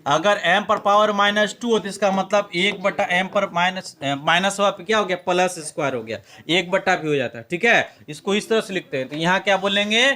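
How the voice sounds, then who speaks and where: High, bright-voiced male physics teacher. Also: fairly quick, hardly any pauses. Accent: Bihari Hindi. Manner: coaxing, repeats terms for students to say aloud. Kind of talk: classroom lecture with demonstration. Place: classroom with students.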